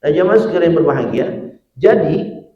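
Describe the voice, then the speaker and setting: Preaching a dawn sermon in a mosque hall, a man from Cibitung, Indonesia, jokes with and quizzes the congregation before rising to fervent emphasis. His fairly high voice is animated and moderately paced. The recording is muffled and echoey, captured by a distant mic.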